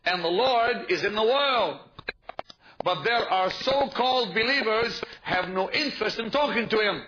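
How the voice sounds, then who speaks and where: A man with a high, expressive voice preaches a little slowly, driving his message home by repeating key points and calling out to the congregation for a response. The live recording is dull and noisy.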